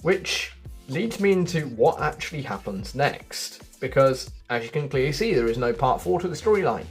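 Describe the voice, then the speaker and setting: Here a video game news YouTuber talks to his audience over background music, offering relaxed, chatty commentary on games as the host. His voice sits in the mid-range, swings widely in pitch, and keeps a normal speed.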